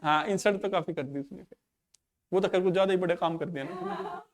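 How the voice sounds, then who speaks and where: A man's voice: high voice, huge pitch swings, fairly quick. A male maths teacher in his thirties, telling stories casually to his class and acting out the quoted lines. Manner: chatty, acts out quoted dialogue.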